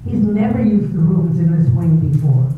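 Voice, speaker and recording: A cold, resentful housekeeper acted by a woman in a radio play, stiff and deliberate in her deference. The sound is thin and phone-like, in a very echoey space, picked up from a distance. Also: on the low side, animated, lightly acted. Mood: coolly formal. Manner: formal, deliberate, coolly deferential. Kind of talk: readers-theater staging of a 1938 radio drama. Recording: roomy, thin, distant, faintly noisy stage recording.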